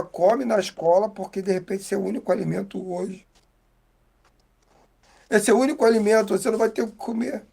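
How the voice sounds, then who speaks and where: A man with a Brazilian Portuguese accent giving a heartfelt, halting faith testimony as an interview guest. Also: high-pitched, gravelly, darkish tone, breathy edge.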